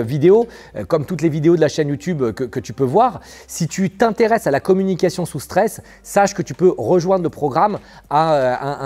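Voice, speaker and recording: A male self-defense instructor gives a video lesson straight to the viewer, his voice sitting slightly high. He leans on key words and keeps checking that the listener follows. Faint music plays quietly underneath. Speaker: krav maga instructor. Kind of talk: direct-address video lesson.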